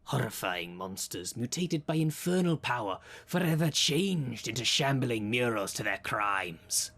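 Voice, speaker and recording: This man's mid-range voice has lively intonation, a measured pace, and a fairly bright tone. Speaking directly to the listener in a scripted audio roleplay, he portrays a grandiose, formal demon caretaker whose mood is dry and businesslike, like a sardonic salesman.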